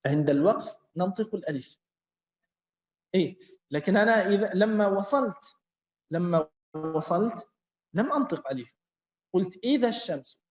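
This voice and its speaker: A man teaching a lesson to a class, talking slowly, repeating himself and quizzing students. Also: high-pitched, lively intonation. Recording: echoey, dull-sounding classroom.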